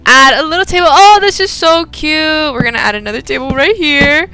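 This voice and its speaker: A woman hosting a gaming video, excitably thinking aloud in casual commentary as she builds. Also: sits high, a little fast, soft background music.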